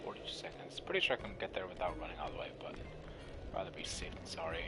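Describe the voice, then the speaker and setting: Guy w a lowish voice mumbling thru a game, cursing sometimes. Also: quick pace, very noisy. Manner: muttering to himself, swearing at times. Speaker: gameplay streamer. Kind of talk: casual let's play commentary. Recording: loud game music behind.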